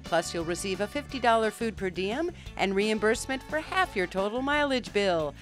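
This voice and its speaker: A woman's voice: medium pitch, animated, moderate pace, close to an everyday voice. A woman playing an enthusiastic game show prize announcer with a showy delivery. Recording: music playing underneath.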